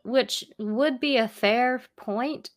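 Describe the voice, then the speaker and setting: A woman's voice: fairly high pitch, slow. A woman co-hosting a podcast in casual chat, laughing often and acting out quoted lines. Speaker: podcast co-host.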